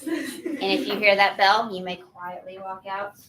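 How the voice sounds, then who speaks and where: Woman, mid-pitched, firm and instructive, briefing kids before a school contest. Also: measured pace, background noise. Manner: firm, instructive, repeats rules. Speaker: spelling bee organizer. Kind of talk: giving instructions to students. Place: school event room.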